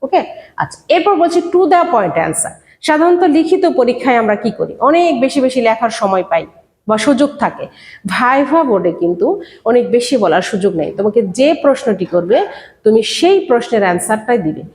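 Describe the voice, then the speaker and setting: A woman teacher giving an exam-preparation lesson, explaining patiently and speaking directly to her students, sometimes slowing down to sound out words. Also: on the high side, animated, darkish tone. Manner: demonstrates pronunciation slowly, word by word. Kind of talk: online exam-prep lesson. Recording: echoey room with long reverb.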